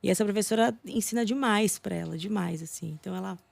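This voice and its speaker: A middle-aged woman, an English teacher and podcast guest, chatting casually and telling lively stories. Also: mid-range voice, fast, creaky, dry recording. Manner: lively storytelling, acting out quoted voices.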